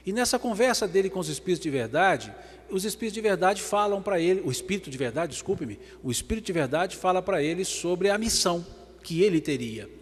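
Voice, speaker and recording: A man with a Brazilian Portuguese accent delivers a religious lecture in a slightly high voice. He pushes emphatic lines loud and drops others to a hush. His voice rings through the long reverb of a large hall. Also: expressive, quick pace, husky. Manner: emphatic, swinging between loud and hushed passages. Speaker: spiritist lecturer.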